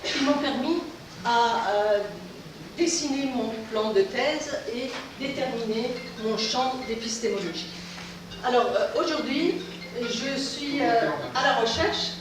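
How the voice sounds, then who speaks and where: A woman's voice: a little high, takes it slowly. Hesitant woman in an echoey hall. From Iran. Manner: hesitant, many filler sounds. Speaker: doctoral contest speaker. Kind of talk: short pitch presentation. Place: large lecture hall. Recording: echoey hall, distant mic, background noise.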